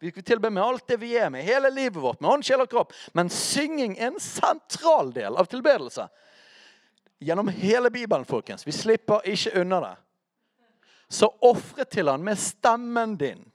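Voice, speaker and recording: A man giving a conversational teaching sermon, with a high voice that swings widely in pitch. He talks directly to his listeners and keeps checking in with them through short questions. The sound is close and dry, with no room around it. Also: big pitch swings, no echo. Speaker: preacher teaching on worship.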